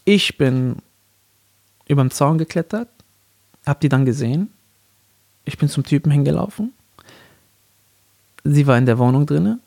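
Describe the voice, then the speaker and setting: A man co-hosting a talk podcast, telling a personal story in an animated way and acting out the voices of the people in it. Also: a little high, a little slow, gravelly, pauses often. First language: Arabic. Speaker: podcast co-host. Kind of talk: casual storytelling chat.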